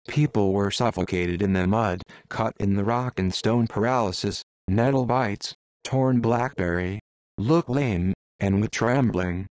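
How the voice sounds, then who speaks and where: A man reading a story aloud in a flat, halting way. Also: on the low side, dry recording. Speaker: reader.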